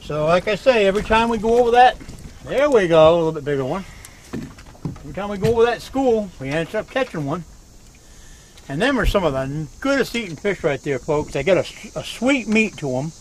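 A man's voice: high voice, animated, brisk, slight background noise, low-quality recording. An older man hosting a fishing show from a boat on a lake, talking in a folksy, chatty, teasing way. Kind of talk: casual outdoor show commentary.

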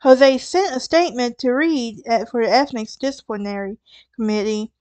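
Woman, Southern US accent, true crime podcast host, fairly high voice, chatty asides, close dry mic. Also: normal speed, a little mellow, no room sound. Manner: conversational, with asides and restarts.

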